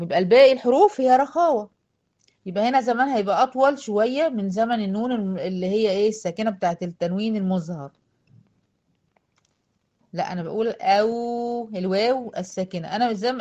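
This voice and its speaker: A woman with an Egyptian accent teaching a tajweed class, patiently quizzing her students and slowly drawing out words to demonstrate. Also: mid-range voice, warm tone. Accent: Egyptian Arabic. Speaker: Quran recitation teacher. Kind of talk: online tajweed lesson.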